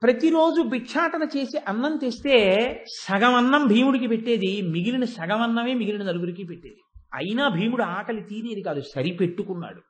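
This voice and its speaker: A man's voice: high-pitched, expressive, fairly quick. A man giving a devotional discourse, retelling epic stories expressively and reciting verses to his listeners. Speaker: religious discourse speaker.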